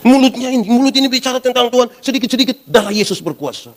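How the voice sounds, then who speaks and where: A pastor in his forties, preaching a lively sermon and asking the congregation questions. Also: extremely high pitch, racing, a little hiss or hum. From Indonesia. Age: 40s.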